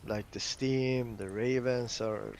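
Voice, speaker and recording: A man co-casting a live esports match, chiming in with short remarks and halting restarts. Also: mid-range voice, fairly even intonation, darkish tone, a little hiss or hum. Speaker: esports caster. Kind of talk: live game commentary.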